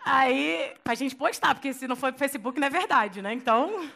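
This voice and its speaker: A woman preacher with a Brazilian accent tells a lively, story-driven sermon and acts out the scenes as she goes. Her voice is high and bright. She talks in a playful, slangy way. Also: brisk, vocal fry.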